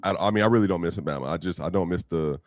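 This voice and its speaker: A man co-hosting a casual sports podcast, telling stories from his college playing days in a lively, slangy way. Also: low-pitched, racing, no echo, clean studio sound. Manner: animated storytelling, slangy. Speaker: podcast co-host, former college player.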